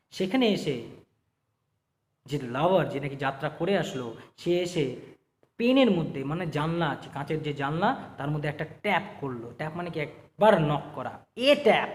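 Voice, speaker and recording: Male teacher, slightly high voice, explains a poem, asks and answers his own questions, long room echo. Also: lively intonation, normal speed. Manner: asks questions and answers them himself, repeats words. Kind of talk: classroom poetry explanation.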